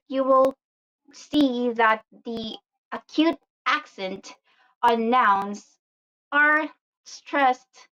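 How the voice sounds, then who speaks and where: A woman giving a slow, explanatory English pronunciation lesson, often pausing with "um" and "uh". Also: fairly high pitch, pushed and bright, lo-fi sound. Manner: frequent "um" and "uh" fillers.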